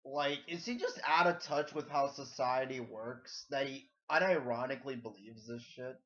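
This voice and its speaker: A man's voice: medium pitch, moderate pace, fairly bright tone. Exasperated swearing man on dull stream audio. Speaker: livestream host. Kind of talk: reaction livestream.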